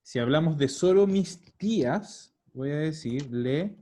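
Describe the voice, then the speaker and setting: A man's voice: a little high, animated, unhurried, mellow, slight background noise. A man teaching an online language lesson, patiently explaining and repeating words over a video call. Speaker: Italian teacher.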